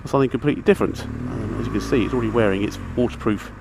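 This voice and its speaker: Gravelly and fairly low, the man's voice rushes along very fast as he gives a casual, rambling gear chat from his motorbike. He's a motorcycle vlogger speaking matter-of-factly into a helmet mic, with engine, traffic and outdoor noise all around.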